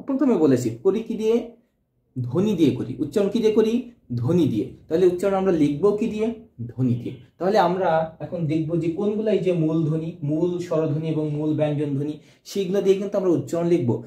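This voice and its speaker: A male teacher with a fairly high, warm voice gives an exam-prep grammar lesson in an echoey room. He quizzes the class, asking questions and then answering them himself.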